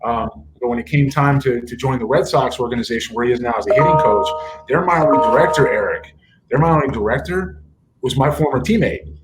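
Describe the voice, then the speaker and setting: A man's voice: mid-range voice, quick pace, loud music behind the voice, rough recording. Earnest man telling stories in an interview. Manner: earnest, many fillers and restarts, acts out quoted dialogue. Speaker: interview guest, baseball executive. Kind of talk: casual interview storytelling.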